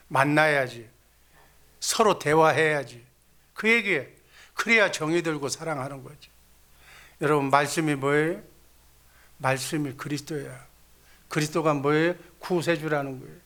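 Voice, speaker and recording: Bright-voiced man preaching an exhorting sermon. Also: fairly high pitch. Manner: exhorting, blessing the congregation in the Lord's name; leads call-and-response repetition. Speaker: pastor.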